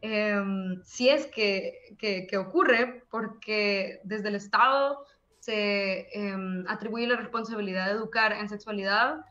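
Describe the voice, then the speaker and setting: A woman from El Salvador with a Salvadoran Spanish accent, speaking as a panelist on an online panel, lively and full of fillers. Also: medium pitch, takes it slowly, highs cut off. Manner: warm, lively, laughs often, many fillers. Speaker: panelist, media co-founder. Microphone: video call.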